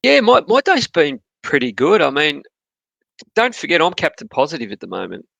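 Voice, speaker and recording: A man's voice: fairly high pitch, wildly swooping pitch, moderate pace, gravelly, pushed and bright, dry recording. A man who is a podcast guest, chatting casually with dry, teasing banter. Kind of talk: casual chat.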